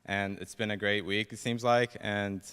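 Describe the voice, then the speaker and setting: A man's voice: fairly low pitch, fairly even intonation, normal speed, a bit bright, clear, resonant tone. A young man with a Persian accent giving a prepared ceremony speech as a student class president, self-deprecating and a little nervous. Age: young adult. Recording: reverberant hall, PA-like echo.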